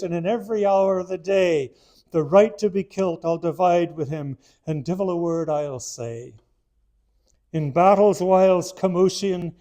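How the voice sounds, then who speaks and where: A man reading verse aloud in the voice of a boisterous Irish immigrant soldier, with a put-on Irish brogue and a loud, rollicking ballad delivery. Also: high-pitched, voice pushed up, lightly acted.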